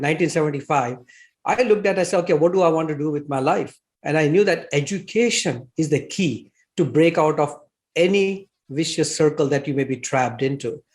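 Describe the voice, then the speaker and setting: A man's voice: a little high, darkish tone. A man in his sixties with an Indian accent, a guest telling his life story in an interview, chuckling now and then between thoughtful, filler-laden phrases. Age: 60s.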